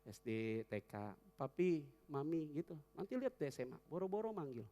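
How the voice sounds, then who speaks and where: A man with a high voice preaches a sermon, rising to fervent bursts and then dropping to a hushed, prayerful murmur. The sound carries a long reverb from a large church hall. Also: very animated, fast. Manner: swings between fervent shouting and hushed prayer. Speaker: pastor.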